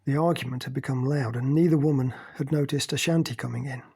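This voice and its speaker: A man narrating an audiobook in a measured, low-key voice with a gravelly, husky quality. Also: steady tone, mellow.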